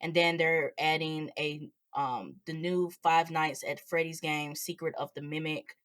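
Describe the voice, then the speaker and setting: A woman co-hosting a podcast, chatting casually about upcoming games and trailing off softly at the ends of thoughts. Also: low-pitched, fairly even intonation, a little slow. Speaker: podcast co-host. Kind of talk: casual chat.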